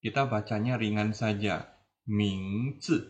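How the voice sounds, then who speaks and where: A man teaching beginners a language, explaining slowly and repeating each word and phrase. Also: on the low side. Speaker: Mandarin teacher. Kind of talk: language lesson in Indonesian.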